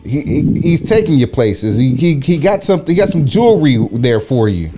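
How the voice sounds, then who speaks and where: A man hosting a casual interview, chatting in a halting way and often repeating words as he finds his phrasing. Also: mid-range voice, big pitch swings, background noise. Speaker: podcast host and interviewer. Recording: music clearly audible behind voice.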